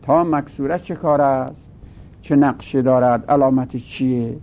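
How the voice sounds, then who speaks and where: A man teaching a grammar lesson, asking and answering his own questions and drawing out his words. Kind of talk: grammar lesson, explaining step by step. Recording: gravelly voice on a tinny phone-like line with faint rumble.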